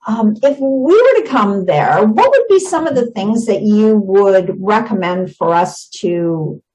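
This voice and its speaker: A woman's voice: mid-range voice, big pitch swings, unhurried, warm tone, poor audio. A woman hosting a casual interview, asking friendly, encouraging questions. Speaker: host.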